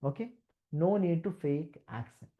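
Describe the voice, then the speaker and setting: Slow, low-voiced woman teaching. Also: dark tone. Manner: switches between Malayalam and slow English, with restarts. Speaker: English teacher. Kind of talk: explaining test criteria. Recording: dull lo-fi audio.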